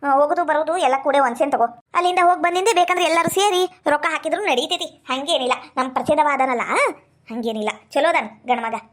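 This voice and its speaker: A woman with a North Karnataka Kannada accent trades quarrelsome banter in a scripted village comedy sketch. Her voice sits very high and she talks fast. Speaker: village women comedy cast.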